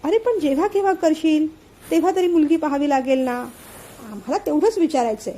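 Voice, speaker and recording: A nosy, sharp-tongued aunt prods her nephew for answers, as a woman storyteller gives her a voice. The voice is high and mellow, in a read-aloud family story. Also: animated, fairly quick. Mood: prying. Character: meddling, sharp-tongued middle-aged aunt.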